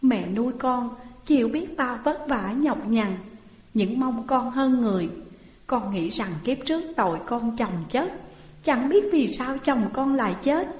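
A woman's voice: mid-range voice, takes it slowly, hardly any pauses, close to an everyday voice. A woman voicing a young daughter wrongly jailed and pleading in anguish. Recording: roomy hall reverb.

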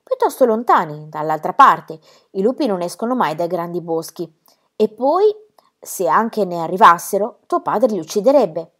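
Young peasant girl, as a woman reads her, gentle, wise, coaxing, lively melody, storybook reading. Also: lowish voice, moderate pace. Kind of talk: audiobook reading.

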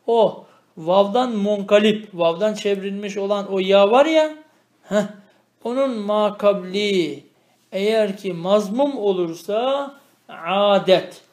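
Man, high-pitched voice, teacher explaining a text line by line, quizzing the student, echoey room. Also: a little mellow. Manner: reads Arabic phrases slowly, then explains them, often asking the student questions. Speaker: teacher of Arabic grammar. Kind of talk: traditional religious lesson, explaining a text line by line.

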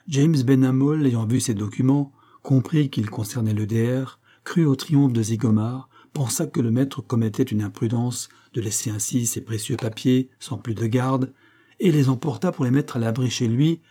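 A man narrating an adventure novel as an audiobook reader, in a measured storytelling way. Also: medium pitch, warm tone, husky. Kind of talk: scripted narration.

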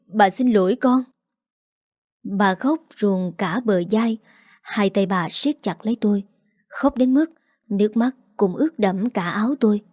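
A woman reads a first-person story aloud, her delivery measured and full of feeling. Her voice is dark and mellow at a middle pitch, with a dry, close sound. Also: no room sound. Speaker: audiobook narrator.

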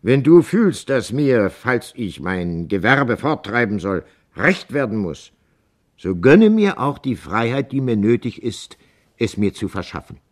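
A man's voice: medium pitch, sing-song, unhurried. A man reading the part of a determined horse dealer who speaks to his wife firmly but tenderly in a storybook reading. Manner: firm, earnest, gently persuasive.

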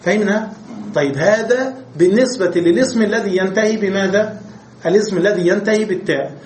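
Guy teaching arabic grammar, high voice, keeps asking the class questions, echoey room with a little hiss. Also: brisk, a little mellow. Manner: explains step by step, asks the class rhetorical questions. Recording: echoey room with faint noise.

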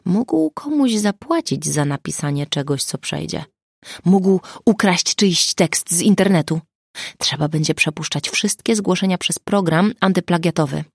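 Zuza, a brisk take-charge friend, as a woman reads her. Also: fairly low pitch, expressive, vocal fry, slightly rough, no echo, clean studio sound, full character voice. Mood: urgent. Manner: brisk and assertive. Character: sharp, decisive woman friend taking charge.

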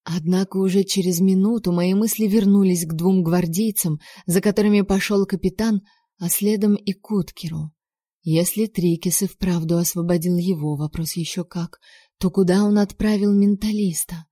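A woman narrating a first-person audiobook in a measured, expressive storytelling manner. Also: fairly low pitch, no echo, clean studio sound.

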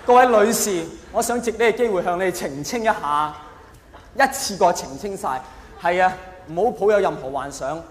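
A man with a Hong Kong Cantonese accent performing a mock-earnest stand-up monologue with dramatic pauses and emphatic delivery. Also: high voice, animated. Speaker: stand-up comedian. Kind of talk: stand-up comedy monologue to a live audience. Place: large indoor venue with live audience. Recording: echoey hall with audience noise. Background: audience laughter and crowd noise.

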